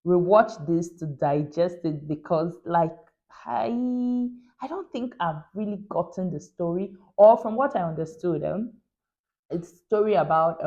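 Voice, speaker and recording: A woman's voice: on the low side, warm tone, highs cut off. A woman host giving casual reaction commentary, thinking aloud and hesitating with many fillers.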